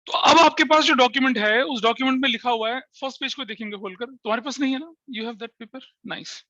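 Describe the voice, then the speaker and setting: A man's voice: very high voice, fast, sharp tone, no echo, highs cut off. A man teaching a class step by step, who often asks his students questions and mixes in English terms. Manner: explains step by step with frequent checking questions to students. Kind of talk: classroom lecture.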